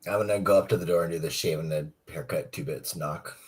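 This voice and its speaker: A man playing in a live tabletop game, cracking wry, deadpan jokes. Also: low voice, fast, husky. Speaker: player.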